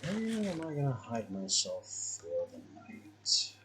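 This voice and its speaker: A man hosts a casual let's-play with a lively, widely swinging intonation. His medium-pitched voice is conversational and wry as he thinks out loud. There is faint noise behind him. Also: slow. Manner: wry, conversational, musing aloud. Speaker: gaming video host.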